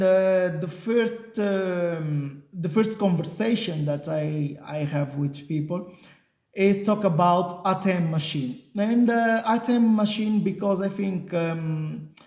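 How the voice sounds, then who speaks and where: The speaker is a man with a high-pitched, warm voice, a software engineer hosting his own channel in a casual talking-head vlog. He is from a Portuguese-speaking country with Portuguese as his first language, and his slow English halts with frequent fillers and restarts in an echoey room.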